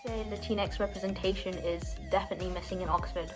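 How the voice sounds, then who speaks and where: Over music, a young woman in her 20s from London, England, tells her story as a university student, reading it to camera. She talks fast in a medium pitch with a steady tone, earnest yet dropping in some hesitant fillers.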